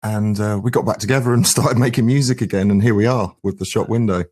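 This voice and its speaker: This English man in his 40s, a band frontman interviewed as a guest, wanders through casual memories with hesitation and rambling. His voice is on the low side, steady and a little mellow, delivered at a quick pace.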